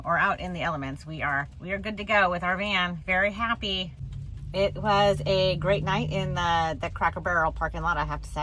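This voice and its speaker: A woman's voice: lowish voice, rough recording. A woman chatting casually for a travel vlog inside a camper van, repeating herself for emphasis. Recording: steady noise, vehicle ambience, hail outside. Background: vehicle ambience and hail.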